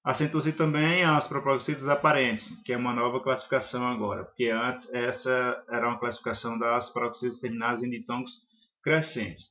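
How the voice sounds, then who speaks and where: A man's voice: mid-range voice, level tone, a little fast, pushed and bright. A man teaching a grammar lesson, listing examples one by one in a methodical way with some hesitations.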